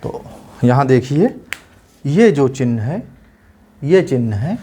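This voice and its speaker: Slow, patient Hindi grammar teacher, a man. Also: mid-range voice, very animated, dark tone, a little hiss or hum. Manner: explains patiently, repeats definitions slowly for dictation. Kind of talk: exam-prep lesson.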